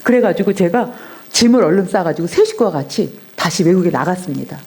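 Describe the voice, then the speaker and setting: A middle-aged woman giving a personal testimony at a Sunday church service, telling her story earnestly and dropping her voice softly at tender moments. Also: fairly low pitch, lively intonation, fairly quick. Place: church sanctuary.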